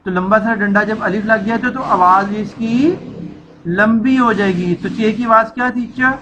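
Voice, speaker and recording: A woman's voice: medium pitch, fairly even intonation, moderate pace, dull audio, noisy background. A woman teacher giving a children's reading lesson, stretching out syllables and repeating each sound for the children to echo.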